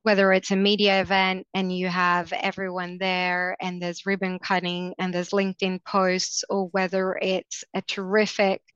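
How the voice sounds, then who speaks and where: A woman moderates a panel conversation, measured and encouraging. Her voice is smooth and resonant, heard close and dry with no room around it. The sound is a little dull, with the top end rolled off. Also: lowish voice, monotone, fairly bright tone, dry recording. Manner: measured, encouraging, frequent fillers.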